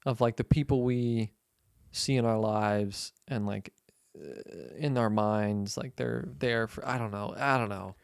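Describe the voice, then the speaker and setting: A man's voice: lowish voice, a little slow, creaky, clean tone, dry recording, studio quality. A man co-hosting a casual film podcast, talking in an easygoing, agreeable way and laughing often. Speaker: podcast co-host.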